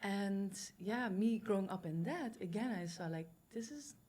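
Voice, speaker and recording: A woman's voice: mid-range voice, expressive, moderate pace, warm tone. A woman in her thirties from the Netherlands with a Dutch accent, telling her life story as a podcast guest in a direct manner with fillers and restarts. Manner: direct, laughs easily, many fillers and restarts. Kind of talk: candid personal storytelling.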